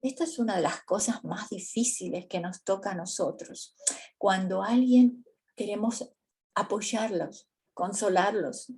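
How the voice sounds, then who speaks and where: A woman leading a faith-based workshop for women on grief, speaking calmly and earnestly and putting questions to her listeners. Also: mid-range voice. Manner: calm, measured, asks the audience questions.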